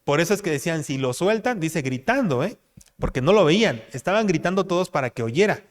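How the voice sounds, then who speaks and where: A man preaching an expository sermon, asking rhetorical questions and tagging lines with a questioning "¿no?", reading scripture aloud slower and louder. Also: fairly high pitch, animated, big-room sound. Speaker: pastor.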